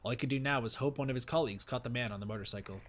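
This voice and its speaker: A man's voice: medium pitch, very fast, fairly bright tone, a little hiss or hum. A young man streaming, reading a visual novel aloud with casual commentary. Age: young adult. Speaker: game streamer.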